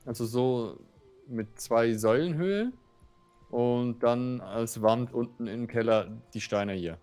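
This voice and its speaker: A man in a co-op gaming session speaks at an ordinary mid pitch. He sounds relaxed and to the point, cutting in with practical questions about what they are building. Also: slow. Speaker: co-player. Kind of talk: casual gaming chat.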